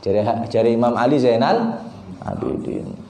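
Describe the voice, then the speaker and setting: A man with a Tegal Javanese accent preaching an animated sermon in a prayer room, mixing local dialect into his talk. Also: mid-range voice, normal speed, roomy sound.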